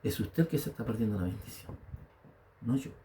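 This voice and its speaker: Chilean male pastor, fifties, dark mellow tone; testimony-driven sermon that builds to emphatic calls. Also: lowish voice, animated, a little fast, a little hiss or hum. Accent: Chilean Spanish. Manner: storytelling preacher, rising to emphatic exhortation.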